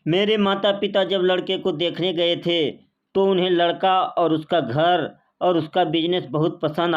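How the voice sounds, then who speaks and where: A woman reading a first-person story as scripted narration in a slow, even, plain way. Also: on the low side, lo-fi sound.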